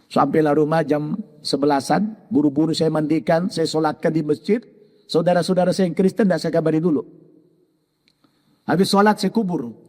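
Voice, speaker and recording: A middle-aged male preacher telling a personal story in a sermon, animated and acting out the voices in it. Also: fairly high pitch, moderate pace, in a large hall. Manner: animated, voicing his mother and others in quoted dialogue.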